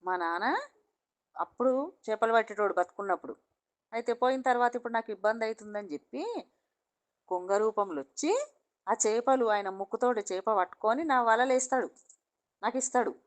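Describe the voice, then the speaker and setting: A woman's voice: on the high side, a little fast, long pauses, close to an everyday voice. Woman doing an accusing young fisherman with a Telangana accent. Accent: Telangana Telugu. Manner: accusing, demanding. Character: angry young male fisherman claiming a boat.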